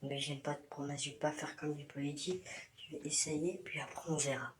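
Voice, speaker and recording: A man's voice: a little high, steady tone, brisk, noisy background. A man talking through a voice-disguising filter, rambling frankly to his community with many hesitations, from his bathroom. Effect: voice disguised with an altering filter. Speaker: YouTuber addressing his community. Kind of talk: casual rambling vlog.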